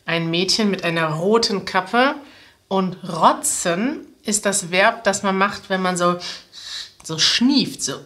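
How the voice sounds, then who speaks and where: A woman who is a language teacher and presenter explains jokes step by step for language learners. Her medium-pitched voice is fairly bright and measured in pace. She sits at a table in a small indoor room.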